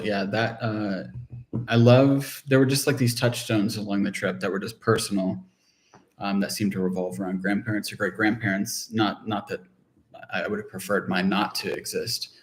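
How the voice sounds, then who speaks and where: A man in his thirties from Ohio chatting reflectively on a livestream, halting often with restarts and fillers. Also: fairly low pitch. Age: 30s. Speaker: vlogger co-host. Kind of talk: casual livestream chat.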